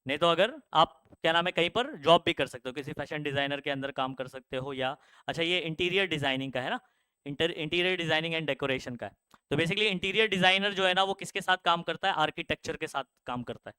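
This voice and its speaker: A man's voice: fairly high pitch, fairly quick, sharp tone, clean tone, no echo. A young male teacher gives a casual classroom talk on career options, often checking that students follow. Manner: conversational, asks the class frequent check questions; casual, with frequent fillers. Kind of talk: classroom career guidance lecture.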